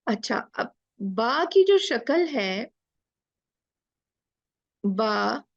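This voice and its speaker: A woman teaching a live online class, speaking very slowly with a gravelly edge in a fairly high voice. She stretches each letter sound out patiently and mixes English phrases into her talk. The audio is dry and dull, like a laptop mic on a call. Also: very animated, no room sound. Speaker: Quran recitation teacher.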